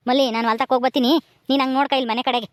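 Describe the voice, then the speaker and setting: A woman's voice: high voice, flat delivery, rapid-fire, lightly acted. A woman playing a dutiful young village son who offers to manage the farm.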